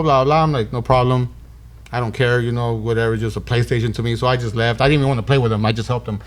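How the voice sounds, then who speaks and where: A man in his thirties hosting a podcast, telling a story in casual slang and acting out the dialogue. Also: mid-range voice. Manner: animated, slangy, acts out quoted dialogue.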